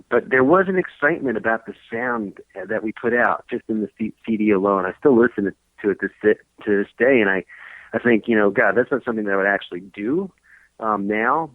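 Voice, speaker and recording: A man's voice: fairly low pitch, lively intonation, fairly quick, no room sound. Rambling man in his thirties on a tinny line. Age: 30s. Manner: rambling, many fillers and restarts. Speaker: guest musician. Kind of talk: casual podcast interview. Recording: tinny phone-line sound.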